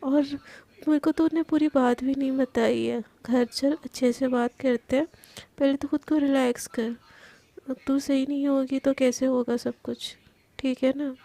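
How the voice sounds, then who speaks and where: A woman voicing Abhi, a calm young man soothing and reasoning with his friend. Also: high-pitched, unhurried, creaky.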